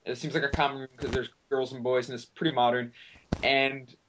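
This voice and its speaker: A man's voice: medium pitch, flat delivery, fairly quick, dull audio, background noise. Giggly young man rambling through a story. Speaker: podcast co-host. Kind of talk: casual chat.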